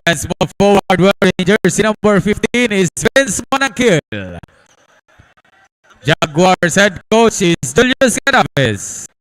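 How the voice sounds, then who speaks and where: Filipino man as stadium announcer: high, clean resonant voice, showy drawn-out player introductions. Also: animated, a bit bright, clear, resonant tone, no room sound, poor audio. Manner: showy, drawn-out calling of names. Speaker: arena announcer.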